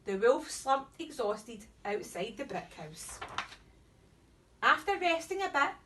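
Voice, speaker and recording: High-voiced woman storyteller, slightly distant. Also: very animated, slow, sharp tone, slight background noise. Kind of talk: children's story read aloud.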